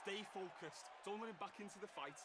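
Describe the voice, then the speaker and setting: A man playing a boxing corner assistant who offers calm, reassuring encouragement. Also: high voice, a little fast, natural voice. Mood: encouraging.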